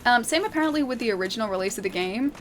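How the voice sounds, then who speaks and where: An Australian woman streams a game, chatting casually and reading her chat aloud, laughing often and thinking out loud with plenty of fillers. Her voice sits on the high side, a bit bright and animated, and she races along over slight background noise.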